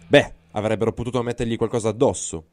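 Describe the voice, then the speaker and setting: A man's voice: fairly low pitch, steady tone, fast, a little mellow, dry recording, faint music behind, close to an everyday voice. A man voicing an irritable, squeamish male hospital doctor in an audiobook reading, snapping out his orders. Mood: disgusted. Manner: snappish, disgusted.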